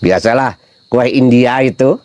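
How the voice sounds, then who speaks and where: A man's voice: mid-range voice, unhurried, darkish tone. A middle-aged man, preaching a casual sermon full of funny anecdotes and rhetorical questions to his listeners. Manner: chatty, humorous storytelling with rhetorical questions to the audience.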